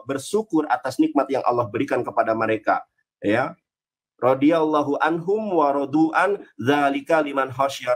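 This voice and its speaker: A man in an interfaith debate, explaining his faith and reciting Arabic verses in a slow, chanting way, teasing his opponent when interrupted. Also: a little high, a bit bright.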